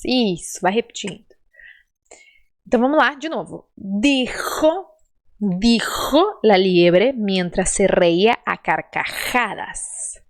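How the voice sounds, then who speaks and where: A woman with a Brazilian Portuguese accent, a Spanish teacher giving a pronunciation lesson, drawing out sounds in exaggerated demonstrations and checking in often. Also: on the high side. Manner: chatty and encouraging, with frequent check-ins.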